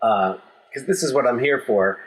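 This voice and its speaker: A man with a husky, slightly breathy voice chats loosely as a podcast co-host. He rambles and restarts often, piling up asides and jokes. His delivery is relaxed and conversational. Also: medium pitch, normal speed, rough recording. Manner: rambling, joking, many restarts and fillers. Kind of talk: casual chat.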